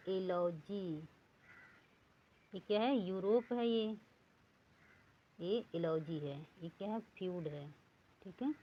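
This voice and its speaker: A woman teaching English reading rules, saying words one at a time and repeating them slowly. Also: medium pitch, highs cut off. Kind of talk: lesson.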